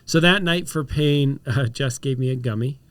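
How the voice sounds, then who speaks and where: A man with a middle-range voice talks in a relaxed, conversational way, a chiropractor sharing health advice on a podcast. He is an easygoing storyteller who explains things plainly and loosens into lively retellings. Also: medium pitch, moderate pace, clean tone, dry recording. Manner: storytelling, mixes explanation with animated reenacted quotes. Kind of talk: casual health podcast chat.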